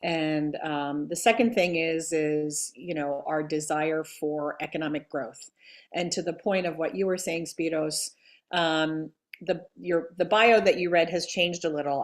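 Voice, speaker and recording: Earnest, halting woman legislator guest. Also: deep voice, fairly even intonation. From Greece and Delaware. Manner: earnest, halting with many pauses. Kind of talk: interview conversation.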